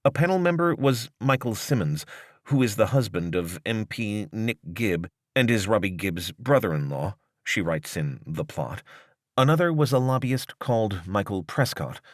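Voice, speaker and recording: A low-voiced man reads a long-form article aloud, his scripted delivery measured, articulate, formal and expressive. The recording is dry, with very little room sound around the voice.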